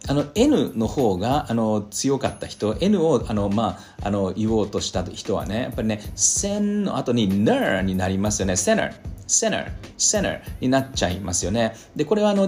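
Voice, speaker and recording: A man's voice: mid-range voice, a little mellow. A middle-aged man giving a casual spoken vocabulary lesson, rambling with many fillers and hesitations. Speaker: English test-prep teacher.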